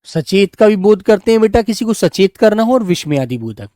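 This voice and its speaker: A man's voice: sits high, big pitch swings, mellow, dry recording. Coaxing male grammar teacher, dry close mic. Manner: drawn-out, repetitive, coaxing tone toward pupils. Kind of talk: online grammar class.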